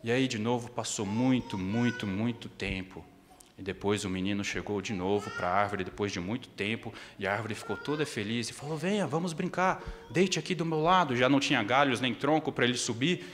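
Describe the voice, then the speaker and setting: A man, a pastor, telling a children's story and then preaching a sermon, with steady, emphatic delivery. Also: lowish voice, a little fast. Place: church sanctuary. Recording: long church-hall reverb.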